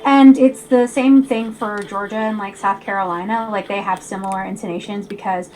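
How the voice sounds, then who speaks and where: A woman's voice: mid-range voice, steady tone, moderate pace, darkish tone, a little hiss or hum, low-quality recording. A young woman with an Ohio accent, chatting casually on a game stream, tangent-prone and casually profane. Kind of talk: casual chat while gaming.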